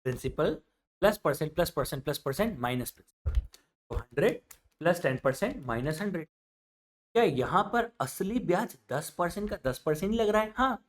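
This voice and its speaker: A male maths teacher tells a story to explain his lesson. He drops to hushed asides, then jumps to loud outbursts, and walks through the sums step by step in a conversational voice. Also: on the high side, lively intonation, brisk.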